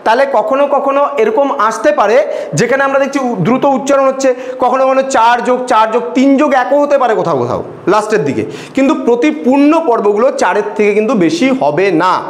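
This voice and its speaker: A man's voice: extremely high pitch, expressive, a little fast, roomy sound. A male tutor teaching a classroom lesson, patient, asking his students questions and repeating points.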